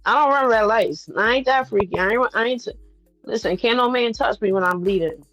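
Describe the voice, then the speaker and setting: A woman's voice: a little high, brisk, a bit bright, dry recording, muffled recording, soft background music. A woman chatting candidly and bluntly on a livestream, swearing freely and repeating phrases for emphasis. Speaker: livestream host. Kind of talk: casual, candid livestream chat to viewers.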